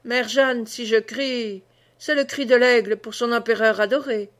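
Brief: woman reader as a drunk, blustering old peasant man, hiccuping, slow and a bit low, storybook reading. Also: fairly even intonation, close to an everyday voice. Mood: boastful.

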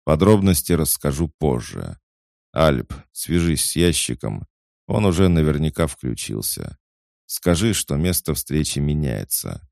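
A man voicing Aivan, a tough male hunter who leads his squad, talking gruffly in curt orders and swearing. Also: rumbling low, lively intonation, a little slow, a little mellow, no room sound, clean studio sound, exaggerated voice. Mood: commanding.

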